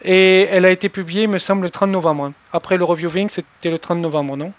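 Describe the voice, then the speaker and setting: A man with a notably high-pitched voice hosts the interview. He reads his prepared questions from notes and sometimes jokes at his own expense. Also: steady tone, fast talker, dry recording, dull audio. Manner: reads prepared questions, occasional self-deprecating joke. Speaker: interviewer host.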